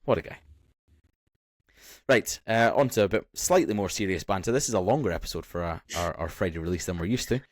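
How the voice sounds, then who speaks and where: Male podcast host, bantering, deep voice, dry mic. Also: fairly quick, no echo. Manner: bantering, leads the segments. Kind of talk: casual podcast chat.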